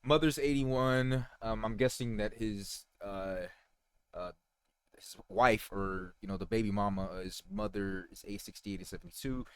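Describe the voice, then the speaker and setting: Smooth and fairly low-pitched, this man speaks at an ordinary speed. In his thirties, he hosts reaction videos, giving loose, rambling commentary packed with fillers and curses and addressing viewers directly, often as "you guys."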